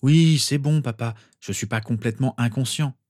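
A man's voice: mid-range voice, normal speed, a little mellow, no room sound, pitched above the performer's own voice, close to an everyday voice. Man reading as a carefree teenage boy, raised voice, cheeky, offhand, dry sound.

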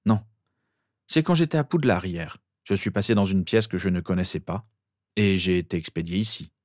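A man's voice: deep voice, moderate pace, darkish tone, no echo, clean studio sound, close to an everyday voice. A man reading the part of an earnest, desperate young wizard boy. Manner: pleading, insistent.

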